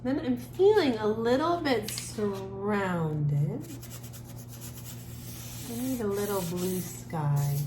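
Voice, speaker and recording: A woman teaches children a creative drawing lesson, speaking slowly at a middle pitch in an echoey room with clear background noise. As their art teacher, she's gentle and casual, thinking aloud and letting her words trail off into pauses while she works.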